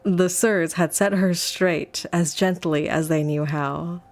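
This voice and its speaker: A woman's voice: on the low side, fairly even intonation, slow, faint music behind. A woman streamer reading a novel aloud in a casual live-stream reading, breaking off for chatty asides full of "like".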